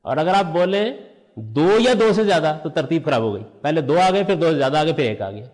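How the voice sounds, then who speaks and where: A man's voice: a little high, lively intonation, a little mellow, big-room sound. An older man teaching a religious lesson, explaining step by step and answering his own questions. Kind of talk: lecture on Quranic language.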